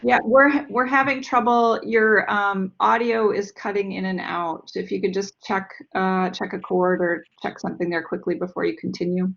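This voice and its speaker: A woman's voice: medium pitch, fairly even intonation, normal speed, creaky, hardly any pauses, a bit bright, muffled recording, a little hiss or hum. A woman moderating a webinar over a conference call line, cutting in to sort out a speaker's audio. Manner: urgent, interrupting to fix audio.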